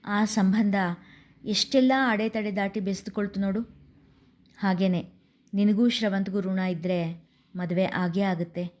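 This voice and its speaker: A woman voicing a warm older mother who gently soothes her tearful daughter in a storybook reading. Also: medium pitch, fairly even intonation, unhurried, long pauses, lightly acted. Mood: soothing. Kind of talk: storybook narration.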